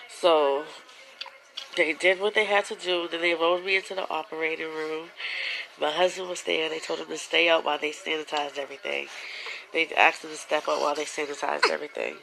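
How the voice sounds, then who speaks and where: A woman's voice: low-pitched, vocal fry, fairly bright tone, slight background noise, low-quality recording. A young woman telling a personal story to her viewers in a casual, emotional way, at times fighting back tears, with features. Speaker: vlogger.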